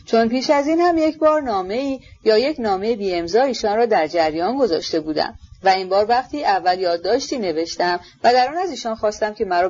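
A woman's voice: medium pitch, a little mellow, breathy edge, dull audio. A woman voicing a sly, fawning middle-aged man who grovels and keeps calling his listener sir, in a storybook reading. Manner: obsequious, wheedling, self-abasing.

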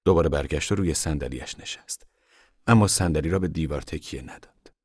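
A man narrating an audiobook in a calm, measured storytelling manner. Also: extremely low pitch, slightly rough, no room sound, studio quality.

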